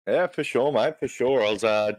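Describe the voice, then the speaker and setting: A man giving live sim racing commentary, chatty and quick to laugh as he talks through a lap. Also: medium pitch, dry recording, rough recording.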